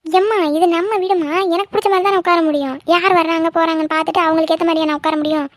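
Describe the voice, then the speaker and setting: A cheeky schoolgirl talks back in a cartoon, voiced by a woman. Her voice is high and quick. The recording is dry and close. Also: fairly even intonation, no echo. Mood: defiant. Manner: defiant, answering back.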